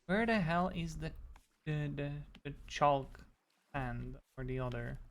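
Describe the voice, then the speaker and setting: Excitable streamer man, bit high. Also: slow, slight background noise. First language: not English. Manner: excitable, yelps when attacked in game. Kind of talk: casual live-stream chat while gaming.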